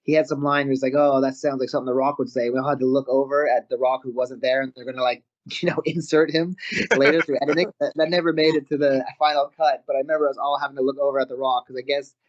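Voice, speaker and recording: A Canadian man tells stories as an interview guest, lively and quick to break into laughter. His voice sits at a middle pitch for a man. The audio is a little muffled. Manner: animated, laughs often mid-story. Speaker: guest wrestler. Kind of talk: casual interview storytelling.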